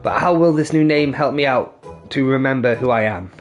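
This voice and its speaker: A man voicing a confused, timid amnesiac boy in a video game, asking halting, bewildered questions. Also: medium pitch, lively intonation, faint music behind, close to an everyday voice.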